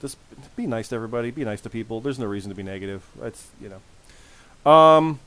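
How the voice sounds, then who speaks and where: A man in his forties with a hoarse, worn voice, hosting a casual podcast and repeating phrases for emphasis. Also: medium pitch, lively intonation, fairly quick, fairly bright tone, poor audio. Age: 40s. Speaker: podcast host.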